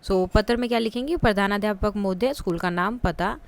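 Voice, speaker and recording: A woman's voice: medium pitch, fairly quick, creaky. A woman teacher going through a textbook chapter step by step, explaining patiently and checking in with her listeners.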